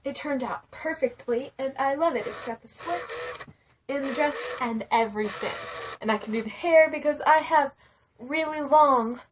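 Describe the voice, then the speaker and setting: A woman reading a spooky story aloud and chatting casually, giggling often and dropping to a hush for the suspenseful parts. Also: high-pitched, lively intonation, normal speed, recorded from a distance, noisy background. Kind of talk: casual storytelling and vlog chat.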